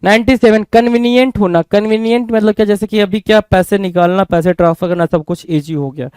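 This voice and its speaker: A man's voice: high-pitched, fairly even intonation, fairly quick, darkish tone, smooth, dry recording. A man with an Indian accent teaching English vocabulary in an exam-prep lesson, often asking the class a question and answering it himself.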